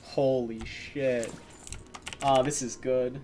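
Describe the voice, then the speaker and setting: With a noisy background behind him, a man of Eastern European heritage talks slowly in a medium pitch while streaming a game. His commentary is laid-back, aimed at his viewers, and sprinkled with swearing.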